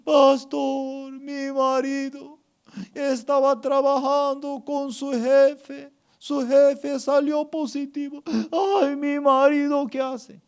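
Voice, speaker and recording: A man's voice: very high voice, monotone, slow, voice pushed up, full character voice. A man voicing a distressed, crying woman of the church who pleads with her pastor. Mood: tearful pleading. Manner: pleading, tearful.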